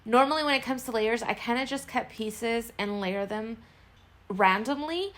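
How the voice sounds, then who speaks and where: A woman's voice: a little high, moderate pace, fairly bright tone. A woman giving a casual, chatty voice-over walkthrough as a craft tutorial host, explaining each step in a self-deprecating way.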